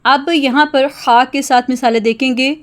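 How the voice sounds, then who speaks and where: A woman teaching a recitation lesson in a high, smooth voice. She runs through the rules at a brisk clip, then slows right down to recite each example word with drawn-out, carefully weighted vowels. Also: fairly even intonation. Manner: explains quickly, then recites example words slowly and loudly. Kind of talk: tajweed lesson.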